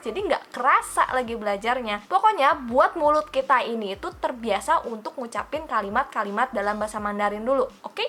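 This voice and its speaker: A young woman gives a casual language lesson to her viewers. Her voice sits high and sounds bright and forceful. She chats along, calls herself by her own name and keeps asking rhetorical questions. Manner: chatty, asks listeners rhetorical questions. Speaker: Mandarin teacher.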